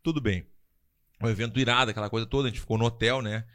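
A man's voice: mid-range voice, steady tone, racing, fairly bright tone. A man telling a story in casual podcast chat, acting out quotes and laughing often. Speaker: podcast guest telling a fight-world story.

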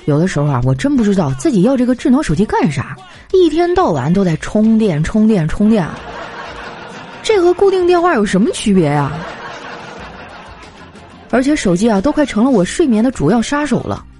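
A young woman telling comic anecdotes in a chatty, animated way, slipping into voices for the people in her stories. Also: on the high side, brisk. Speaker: comedy storyteller. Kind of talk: scripted comic monologue. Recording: light background music. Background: faint music.

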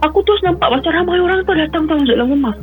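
A woman's voice: very high voice, fast, narrow, tinny audio, faint music behind. A woman, calling in to tell a personal story and slipping English phrases into her telling, often repeating herself. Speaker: caller. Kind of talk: personal storytelling on a call-in show.

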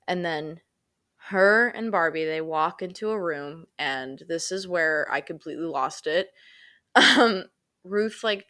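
A woman's voice: sits low, a bit bright, dry recording, clean studio sound. A young woman talking casually as a podcast co-host, chatty and rambling with many fillers. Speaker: podcast co-host reviewing a film. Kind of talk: casual chat.

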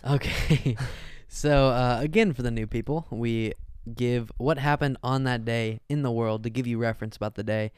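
A man's voice: mid-range voice, normal speed, a little mellow. A young man co-hosting a podcast, joking around, laughing often and reading out news items in casual chat. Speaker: podcast co-host. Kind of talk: casual banter, storytelling.

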